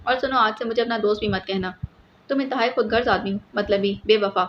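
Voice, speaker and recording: A woman's voice: medium pitch, lightly acted. A woman voicing a hot-tempered, blustering male police superintendent in an audiobook, with an angry, scolding tone. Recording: slightly muffled with faint hiss.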